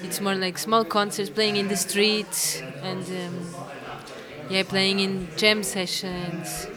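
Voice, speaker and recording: A woman's voice: medium pitch, level tone, slow pace. Woman, hesitant amateur musician being interviewed, chatter in the background. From Portugal. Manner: hesitant, many fillers and restarts. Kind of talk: casual interview answers. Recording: crowd chatter behind.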